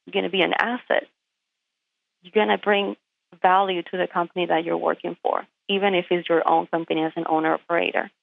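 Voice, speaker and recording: A lowish voice with vocal fry belongs to this Puerto Rican woman, a truck driver and native Spanish speaker. She's the guest on a phone interview heard over a tinny line. Her argument comes across direct and emphatic, punctuated by frequent rhetorical questions.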